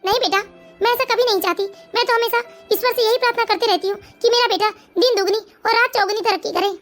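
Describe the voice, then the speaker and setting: A performer with a high voice playing a tender, doting elderly mother in an animated family story, speaking softly and soothingly. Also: fast talker, faint music behind. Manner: soft and soothing. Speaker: cartoon character.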